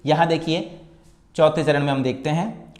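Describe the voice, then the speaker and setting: A man with a Rajasthani accent gives a classroom lesson on verse meter, with a slightly high voice. He counts syllables slowly and stretches out chanted verses. The sound is roomy and echoing. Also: steady tone, darkish tone. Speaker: teacher.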